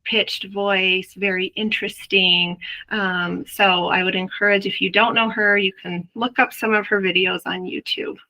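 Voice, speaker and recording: A woman's voice: mid-range voice, little pitch movement, a little slow, bright, forceful tone, low-quality recording. A woman, a mother, giving a chatty webinar presentation on early learning, explaining ideas through everyday examples and speaking directly to her audience. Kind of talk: webinar presentation to health workers.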